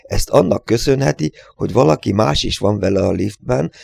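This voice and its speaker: A man voicing a calm, methodical male thinker who reasons step by step in a storybook reading. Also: fairly low pitch, vocal fry, no echo, clean studio sound, heavily acted. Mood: thoughtful. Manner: measured, deliberate.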